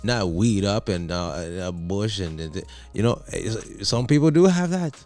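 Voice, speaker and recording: A man chatting casually about basketball as co-host, animated and slangy, joking and repeating himself. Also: fairly low pitch, measured pace, faint music behind. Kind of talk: casual sports chat.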